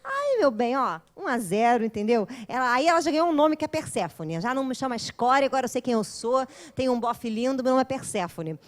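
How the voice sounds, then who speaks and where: A woman's voice: a little high, expressive, fast, hardly any pauses. A woman lecturing a course, retelling a myth in a playful, jokey way and chatting with her audience. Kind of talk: humorous storytelling lecture.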